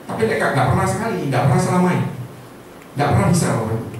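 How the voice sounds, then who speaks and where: A man gives a motivational sales training talk in a high voice, turning to the audience again and again with rhetorical questions. The recording is heavily echoey, and he sounds some distance from the mic, with a faint hiss underneath. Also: animated, fast talker. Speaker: insurance sales team leader. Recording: echoey room, voice far from the mic.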